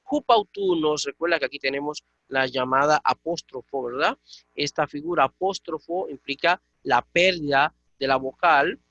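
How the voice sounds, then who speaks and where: A man from the Dominican Republic teaches an online Koine Greek class, explaining patiently and checking in with his students. His voice is fairly high, bright, and forceful, and the recording is dry.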